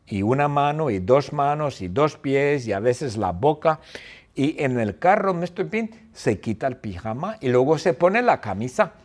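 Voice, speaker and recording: Lively man retelling a story for learners. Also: mid-range voice. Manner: slow, repetitive, playful retelling with sound effects. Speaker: teacher.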